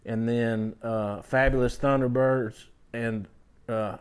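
A man's voice: mid-range voice, steady tone, slow, clear, resonant tone. A man in his fifties, a songwriter guest, telling stories in a rambling way full of fillers and restarts. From southern Georgia, US. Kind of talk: casual storytelling chat.

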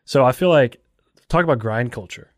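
A man hosts a casual podcast conversation, asking questions loosely and leaning heavily on "like" as filler. His medium-pitched voice has lively intonation at a normal speed, captured in a dry, clean studio recording.

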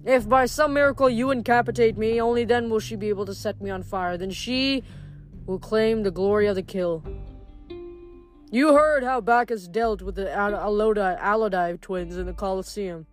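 A woman's voice: mid-range voice, moderate pace, soft background music, lightly acted. A woman reading aloud, voicing a menacing, boastful male giant in a storybook. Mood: taunting. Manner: taunting, theatrical.

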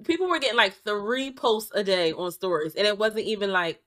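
Woman, bright forceful tone, medium pitch, slangy teasing banter, casual podcast co-host. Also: fairly quick. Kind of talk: casual comedic chat.

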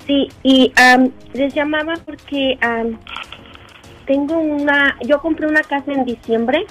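Female caller, fairly high voice, polite and halting, casual speech with faint music behind. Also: steady tone, fairly bright tone. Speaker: caller to a talk show. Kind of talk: casual question to radio hosts.

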